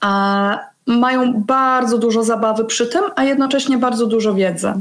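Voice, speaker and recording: A woman guest in her thirties explaining reading methods in a measured way, pausing often with fillers. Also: on the high side. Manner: measured, with frequent hesitation fillers. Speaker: guest, reading education specialist. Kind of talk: explanatory interview talk.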